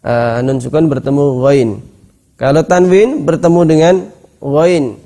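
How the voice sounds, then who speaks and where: A man with an Indonesian accent teaching tajwid. He explains each rule and then recites the examples slowly, repeating them. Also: a little high, steady tone, dark tone. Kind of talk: tajwid lesson with chanted examples.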